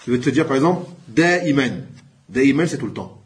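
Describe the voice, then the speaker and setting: Teaching Arabic in French to a class, a man with an animated, mid-range voice raises his volume on each new word and then explains it slowly.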